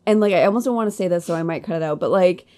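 This woman's dark, lowish voice comes at a rapid-fire clip as she co-hosts a podcast. She has a Boston accent and keeps the talk casual and rambling, full of fillers and curse words.

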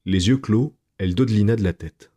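A man narrating a strange short story aloud in a slow, hushed, measured way. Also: lowish voice, slightly rough. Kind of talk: scripted narration of night tales.

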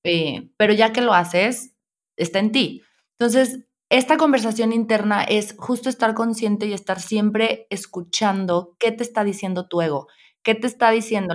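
A woman hosting a casual conversation, explaining ideas in a calm, reflective way. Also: medium pitch.

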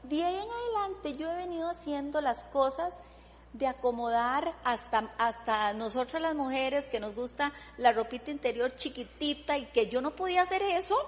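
A woman's voice: high voice, expressive, normal speed, big-room sound. A middle-aged woman, giving an earnest, emotional personal faith testimony as a church member, often asking "¿verdad?".

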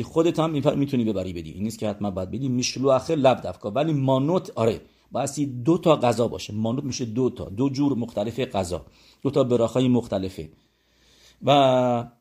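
A man gives a religious lesson, adding up numbers aloud and checking that his listeners follow. His voice is mellow and somewhat husky. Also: mid-range voice. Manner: works through sums aloud, asks listeners to check. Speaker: religious teacher. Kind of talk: explaining religious law and numerology.

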